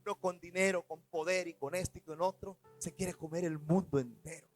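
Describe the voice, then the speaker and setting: Male pastor, high voice, sermon, dramatic loud-soft swings, faint music behind. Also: steady tone, a little fast, poor audio. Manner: preaching with dramatic swings in loudness and pitch; retells stories in quoted first-person testimony.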